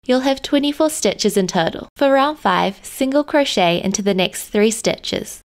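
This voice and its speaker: A woman host narrating a crochet tutorial in a calm, step-by-step instructional manner. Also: fairly high pitch, moderate pace. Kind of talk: scripted tutorial voice-over.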